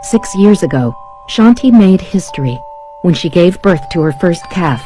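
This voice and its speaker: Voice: mid-range voice, animated, measured pace, warm tone. Nature documentary narrator over prominent music.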